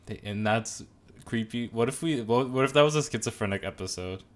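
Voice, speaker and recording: Joking around and rambling, this man co-hosts a podcast where he reviews a TV show, tossing in animated asides along with his opinions. His voice is medium-pitched and a little fast.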